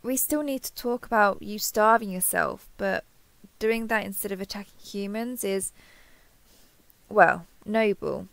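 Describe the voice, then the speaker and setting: Playing a sweet, clumsy young woman who gets flustered quickly, a woman delivers hesitant, sincere lines for an intimate roleplay audio drama. Her medium-pitched voice is a little slow, creaky, and slightly bright, with no room sound at all.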